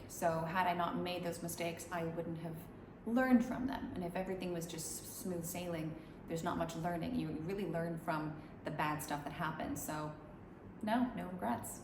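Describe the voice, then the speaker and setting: In a casual chat, a female musician being interviewed speaks at a moderate pace in a lowish voice, giving long, rambling answers full of restarts. She is in a room in Dubai, and the echoey recording picks up background noise.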